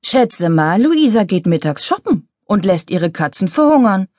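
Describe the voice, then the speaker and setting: A woman's voice: mid-range voice, very animated, a little slow, a little mellow, no echo, studio quality. A woman voicing a snide, venomous female office colleague who swears by astrology.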